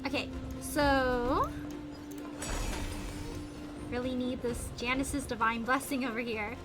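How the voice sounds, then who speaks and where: Over background music, a woman live-streams a game, chatting casually with viewers and thinking aloud in a playful, exclamatory way. Her voice is high-pitched and slow, with fairly even intonation.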